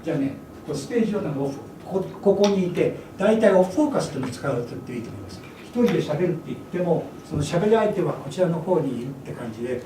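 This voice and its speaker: A man leading an English speech workshop, lecturing energetically and breaking into English demonstrations. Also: fairly high pitch. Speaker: workshop instructor. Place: event hall. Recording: echoey hall from far off, noisy.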